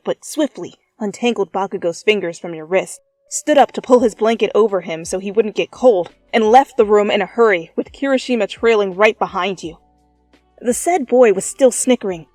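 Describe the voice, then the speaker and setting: As a channel host, a woman reads fanfiction with dramatic narration, tossing in goofy, self-mocking, casual asides. Her medium-pitched voice is a little mellow, with no room sound and faint music in the background.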